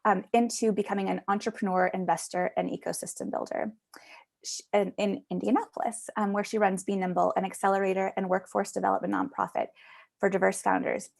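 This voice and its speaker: Event host on a video call, woman with a gravelly, fry-heavy voice, upbeat and chatty. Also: medium pitch, level tone, fairly quick. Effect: heard over a video call. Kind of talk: hosting a pitch event.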